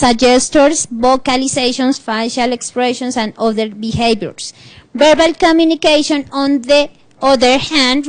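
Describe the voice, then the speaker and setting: A Colombian woman leads a class, reading passages and then explaining them in an animated way. Her voice sits high. The sound is dry and close, with no room echo. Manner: switches between reading English and explaining, animated. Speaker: teacher. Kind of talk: bilingual online class lecture.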